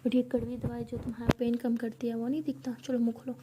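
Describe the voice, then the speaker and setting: A woman's voice: a little high, flat delivery, fast talker, background noise, lightly acted. A woman voicing a fussing, caring mother. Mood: coaxing.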